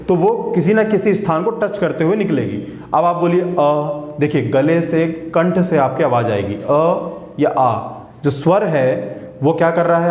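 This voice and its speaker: A man's voice: fairly high pitch, darkish tone. Echoey male teacher drilling vowel sounds. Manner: repeats sounds slowly and checks in with "ठीक है". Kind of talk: classroom lesson. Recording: echoey room with long reverb.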